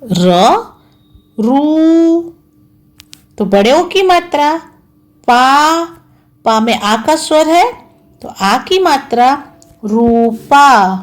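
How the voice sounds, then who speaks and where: A woman teacher giving an online lesson to young schoolchildren, spelling out each sound slowly and repeating words patiently. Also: sits high, big pitch swings. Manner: slow, careful, spelling out each sound and syllable.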